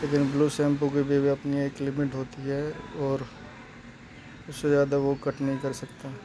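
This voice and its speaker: A man's voice: medium pitch, completely flat delivery, normal speed, noisy background. A man talking through a hair coloring job step by step in a plain, explanatory way. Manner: plain, explanatory, repeats steps. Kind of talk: step-by-step salon tutorial narration.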